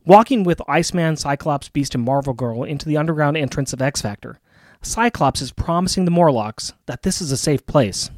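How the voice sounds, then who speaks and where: A male co-host reads a scripted comic recap. He tells it playfully with animated, varied intonation. The sound is dry and close. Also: a little high, brisk, dry recording. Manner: playful storytelling. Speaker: podcast co-host.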